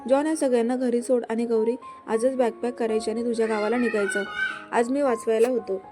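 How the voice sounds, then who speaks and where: A woman's voice: a little high, steady tone, fairly quick, close to an everyday voice. A woman reading as an angry scolding young husband. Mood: stern. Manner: stern, scolding. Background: background music.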